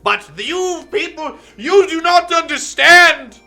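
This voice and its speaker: A game player acts out a pompous, fedora-wearing creep of a man in the manner of a mustache-twirling villain. He declaims with wide, swooping pitch and a bright, forceful edge, stretching his words melodramatically. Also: expressive, takes it slowly, vocal fry, soft background music, full character voice. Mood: pompous, impassioned. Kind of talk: improvised character voice in video game playthrough.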